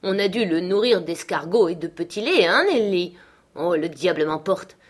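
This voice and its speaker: A woman reading aloud, voicing a sarcastic, scornful middle-aged father who speaks loudly and mockingly. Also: lowish voice, expressive, normal speed. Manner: mocking, loud and forceful.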